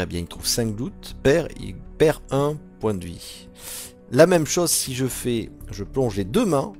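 A man's voice: fairly low pitch, darkish tone. A man commenting on a solo board game playthrough, counting moves aloud and muttering asides.

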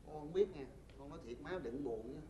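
An exasperated grown son, played by a comic actor in a stage comedy sketch, with a Southern Vietnamese accent. He argues and teases his mother in a mid-range voice, firing back quick comebacks. The faint music behind him stays low. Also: warm tone, close to an everyday voice. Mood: arguing. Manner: teasing, arguing, quick comebacks.

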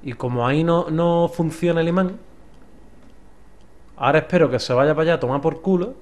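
This male gameplay commentator from Spain talks to himself in a slightly high, brisk voice during let's play commentary. He curses heavily, mutters under his breath, and bursts into frustrated yells.

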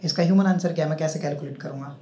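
A young man does a stand-up set on a club stage, chatting with and teasing the audience in a slightly high, dark-toned voice delivered rapid-fire. He uses a handheld mic on a stand, and the roomy live recording carries crowd noise and laughter.

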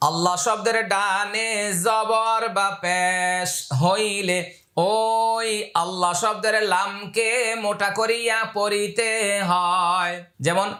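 A man teaching Quran reading step by step, spelling out letters and vowel marks, then chanting each word slowly and repeating the rules. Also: sits high, sharp tone, echoey room. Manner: repeats key rules and asks the learners questions. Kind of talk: step-by-step recitation lesson.

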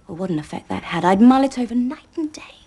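Brief: a wry, teasing woman, husky and mellow, fairly high voice. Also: big pitch swings, fast talker. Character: wry woman who was once in analysis. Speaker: woman recalling her analysis. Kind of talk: film dialogue.

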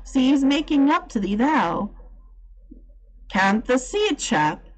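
A woman voicing a cheerful farm boy who talks to birds, in a broad with a gentle, friendly manner, in a storybook reading. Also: high-pitched, very animated, slow, pitched above the performer's own voice, exaggerated voice, low-quality recording.

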